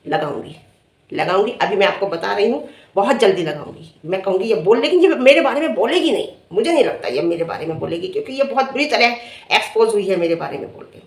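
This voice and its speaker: A woman's voice: mid-range voice, vocal fry. A middle-aged woman vlogger who scolds and taunts a rival directly in a confrontational rant. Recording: echoey room.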